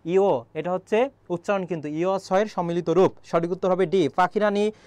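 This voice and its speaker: A man's voice: high voice, normal speed, darkish tone, no echo. A young man teaching a live online grammar lesson, quizzing viewers and reading their comments aloud. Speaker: online admission-prep teacher.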